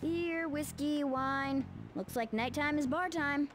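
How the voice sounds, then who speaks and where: Game cat companion, small, bossy and clever, high-pitched. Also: female voice, slow pace, faint music behind. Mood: wry. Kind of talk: English video game voice acting.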